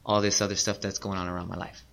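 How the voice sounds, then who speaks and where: A man's voice: sits low, level tone, quick pace, creaky, fairly bright tone. A man in his late thirties, a podcast guest, talking casually and earnestly, often repeating himself. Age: 30s. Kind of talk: casual interview talk.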